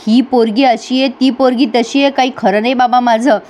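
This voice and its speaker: A woman's voice: fairly high pitch, fairly even intonation, normal speed, a little mellow, slight background noise, lightly acted. A woman voicing an irritable, curt young husband. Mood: irritated. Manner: curt, dismissive retorts.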